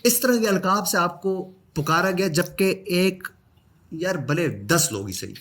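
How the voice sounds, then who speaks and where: A man from Pakistan hosting a podcast, building long, measured questions for his guest. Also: sits high, animated, a bit bright. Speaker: podcast host. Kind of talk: podcast interview.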